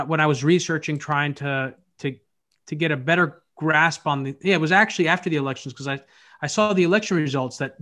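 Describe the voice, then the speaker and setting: An American man with a slightly high, somewhat bright voice is interviewed casually over a video call, a podcast host appearing as a guest. He talks his answers through thoughtfully and restarts often.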